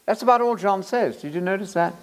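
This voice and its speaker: Animated man preaching with big swings. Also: sits high, fairly quick. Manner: animated and emphatic, with repeated words and joking asides. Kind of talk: lively preaching lecture.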